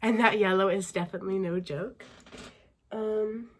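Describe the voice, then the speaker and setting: Working through a makeup tutorial, a young beauty vlogger chats casually, murmuring and trailing off. Her mid-range voice is steady and moderately paced, with a slight rasp left over from being sick.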